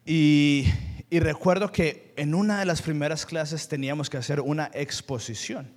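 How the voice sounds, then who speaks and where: Earnest Colombian preacher in a reverberant hall. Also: male voice, a little high, fairly even intonation, normal speed. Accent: Colombian Spanish. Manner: earnest, personal storytelling, slips into English asides. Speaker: pastor. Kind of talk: sermon.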